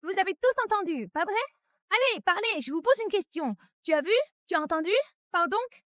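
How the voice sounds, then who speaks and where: A woman's voice: very high-pitched, expressive, a little fast, a bit bright, no echo, studio quality. A woman voicing a scheming young fiancée who begs and wheedles in a French melodrama dub. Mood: demanding. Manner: desperate, wheedling. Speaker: dubbing actress.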